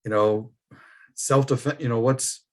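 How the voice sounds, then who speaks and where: A man's voice: medium pitch, steady tone, measured pace. A man hosting a casual interview, adding short agreeing comments and now and then making a point of his own. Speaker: podcast host.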